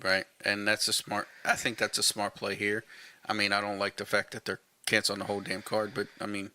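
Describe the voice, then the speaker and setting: A man's voice: on the low side, completely flat delivery, a little fast, sharp tone. A man co-hosting a casual sports podcast, blunt and opinionated, swearing casually as he gives his takes. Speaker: podcast co-host.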